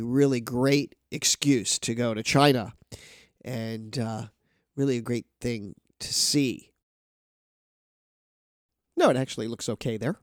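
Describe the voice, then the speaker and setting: A podcast host with a medium-pitched voice, nasal and congested from a cold, runs a casual news talk show, rambling and restarting often. The recording is clean studio sound with no room ambience.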